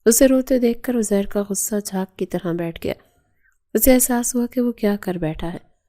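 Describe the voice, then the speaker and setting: A woman narrates a romantic novel as a bedtime story. Her voice is mellow and warm, and she reads at a steady, even storytelling pace. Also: medium pitch. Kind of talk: novel reading.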